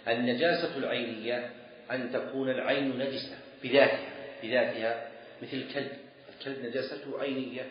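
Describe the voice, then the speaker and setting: A religious teacher lectures at a brisk clip, repeating key phrases and quizzing his class. His voice bounces around a very reverberant room, and the recording sounds dull and lo-fi. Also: medium pitch, flat delivery. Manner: repeats key phrases, poses questions to students. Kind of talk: classroom lecture on Islamic law.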